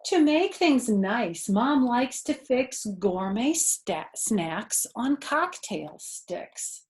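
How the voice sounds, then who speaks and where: A grandmother in her fifties reads aloud to children in a living room, speaking very slowly in a fairly high voice. She reads expressively, explains words in simple terms, and adds little asides and questions for her listeners.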